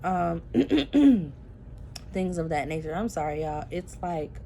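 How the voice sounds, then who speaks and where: A sleepy woman gives a chatty tarot reading on a tired early morning, speaking straight to viewers as "y'all" with lots of fillers. Her lowish voice is animated, slow, creaky and mellow. The low-quality recording carries slight background noise.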